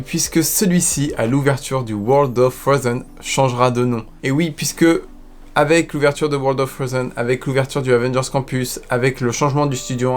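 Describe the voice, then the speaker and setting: A man in a relaxed vlog, rattling through a roundup of announcements with open enthusiasm. He stacks admiring words one after another and slips into casual slang between the more measured bits. His pitch sits at an ordinary male middle. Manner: enthusiastic, piles up admiring adjectives; informal slangy asides. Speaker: theme park news vlogger. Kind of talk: casual news roundup commentary.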